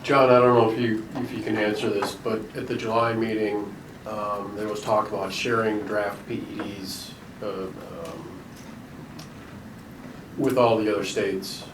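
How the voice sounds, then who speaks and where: A man's voice: fairly low pitch, level tone, measured pace. A man at a committee meeting, thinking aloud hesitantly as he asks questions. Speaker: committee member. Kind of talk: meeting discussion. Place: meeting room. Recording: echoey room from far off, loud noise.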